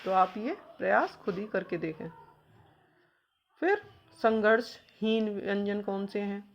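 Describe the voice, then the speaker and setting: A woman teaching an exam-prep grammar lesson, explaining patiently and sounding out each letter slowly. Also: medium pitch, lively intonation.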